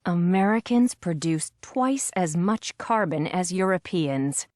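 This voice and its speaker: Expressive woman reading example sentences. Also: on the low side, slow pace, no room sound, studio quality. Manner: clearly enunciated reading. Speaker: speaker on a textbook audio.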